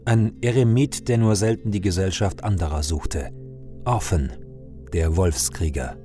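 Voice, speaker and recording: A man narrating a scripted fantasy story in a measured, dramatic way. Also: low voice, mellow, faint music behind.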